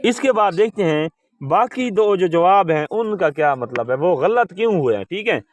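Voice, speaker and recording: A teacher with a medium-pitched voice, lively intonation, and a moderate pace leads a call-and-response English lesson. They spell words letter by letter for the pupils to repeat, calling them "beta".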